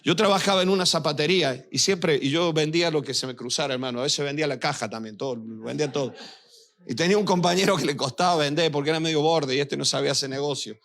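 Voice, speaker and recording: A man's voice: on the high side, fast talker, a bit bright. A male pastor preaching a sermon, speaking directly to his church and weaving in personal anecdotes.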